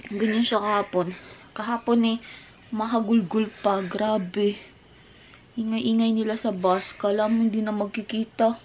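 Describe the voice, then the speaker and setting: A woman in her thirties from the Philippines, a mother chatting casually to her vlog audience, mixing English into her talk and cooing gently to her child. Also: medium pitch, fairly even intonation, unhurried, lo-fi sound, slight background noise. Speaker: family vlogger, mother.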